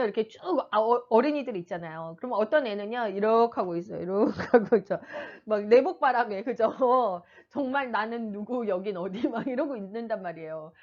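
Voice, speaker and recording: A middle-aged woman teacher giving parents casual advice, animated and acting out kids and mothers in quick asides. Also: medium pitch, muffled recording. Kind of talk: casual explanatory talk to parents.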